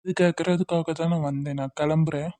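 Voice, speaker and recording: A woman voicing a gentle, caring young man in an amateur cartoon, speaking calmly and with reserve. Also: deep voice, fast, no echo, natural voice. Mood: reserved.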